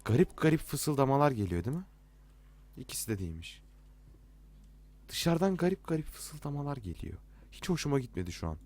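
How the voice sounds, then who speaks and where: A man's voice: medium pitch, very animated, a little fast, long pauses, a little mellow. A young man commenting as he plays a horror game, nervous and jittery, joking and swearing at every scare. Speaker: let's play gamer.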